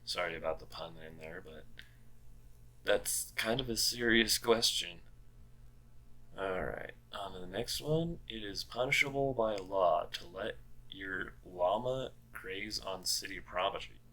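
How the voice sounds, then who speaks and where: Slow, deep-voiced man mulling odd laws. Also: sharp tone, rough recording. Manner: wry, puzzled, with many fillers and rereads. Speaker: host. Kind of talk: casual commentary reading out laws.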